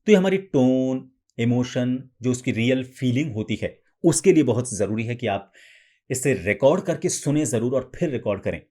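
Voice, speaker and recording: A man coaching voice practice, explaining each step patiently and now and then demonstrating sample lines in a raised, softer pitch. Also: lively intonation, moderate pace. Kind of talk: instructional explanation.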